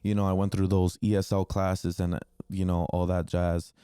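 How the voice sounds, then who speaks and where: With a warm, smooth voice that sits low and barely moves in pitch, this man in his twenties speaks at a moderate pace. He hosts a podcast from New Jersey, where he's a native Spanish speaker sharing candid childhood stories full of ums and casual swearing, recorded in the studio with no echo.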